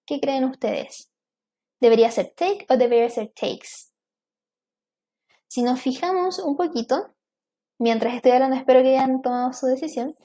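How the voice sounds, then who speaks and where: A woman teaching English grammar in Spanish, speaking her English examples slowly and often checking in with her students. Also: sits high, mellow. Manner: slow, careful reading of example sentences. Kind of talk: online grammar lesson.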